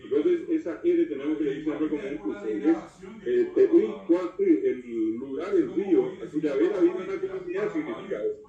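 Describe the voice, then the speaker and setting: A man's voice: fairly high pitch, animated, moderate pace, a crowd in the background. A man from Paraguay with a Paraguayan Spanish accent, explaining words as a guest on a TV talk show, lecturing with many fillers. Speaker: guest expert on Guarani. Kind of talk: explanatory TV interview. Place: TV studio. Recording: roomy, distant, dull TV audio.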